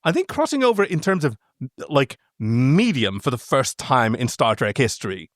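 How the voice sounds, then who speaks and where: A man's voice: mid-range voice, big pitch swings, normal speed, dry recording, clean studio sound. A man co-hosting a podcast, chatting casually and reading a story aloud with enthusiastic, jokey energy. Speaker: podcast co-host.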